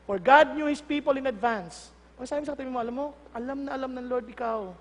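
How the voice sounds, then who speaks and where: A man preaching a lively, joking sermon as pastor, switching between Tagalog and English. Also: very high voice, fast, in a large hall. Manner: animated, jokey, mixes Tagalog and English.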